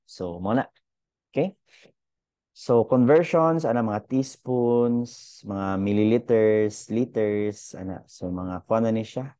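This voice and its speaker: A young man teaching a casual online physics lesson. His voice sits a little low and sounds mellow and warm, recorded dry and close. He talks in a chatty way, thinking aloud with fillers. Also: slow pace, dry recording.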